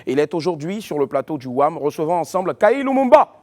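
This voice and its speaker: A fairly high-pitched man hosting a talk show, warmly loud at times and full of energetic cheers. He introduces his guest with emphatic, showy delivery. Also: a little fast. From West Africa. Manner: lively, emphatic presenter with bursts of cheering.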